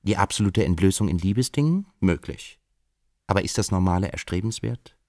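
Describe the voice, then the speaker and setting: A man's voice: low voice, lively intonation, a little fast, a little mellow, dry recording, clean studio sound. A man reading an audiobook, voicing a cynical, eloquent male friend who talks in a pompous, lecturing way. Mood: lofty.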